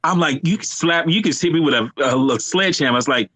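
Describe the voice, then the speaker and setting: A man's voice: a little high, fast, a bit bright, no room sound, rough recording. A man casually discussing a film on a livestream, rambling with many fillers and restarts. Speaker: podcast co-host.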